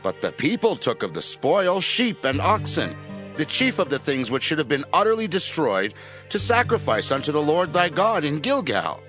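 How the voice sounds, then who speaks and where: A man's voice: fairly high pitch, big pitch swings, moderate pace, fairly bright tone, soft background music. A man playing a proud king of ancient Israel in a dramatized scripture reading, emphatic and self-justifying.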